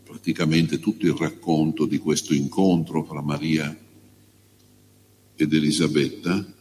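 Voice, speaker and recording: A man, a priest, reading the gospel and preaching a homily in a slow, measured, pausing way. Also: rumbling low, steady tone, a little mellow. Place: church. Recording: long church reverb, faint hum.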